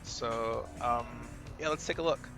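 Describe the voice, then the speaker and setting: A man with a medium-pitched voice and vocal fry speaks at a measured pace, offering casual, unscripted coaching commentary on a game replay. He's a gaming video creator analyzing a match, thinking aloud hesitantly and repeating himself. Loud fighting game music and combat sound effects play behind his voice.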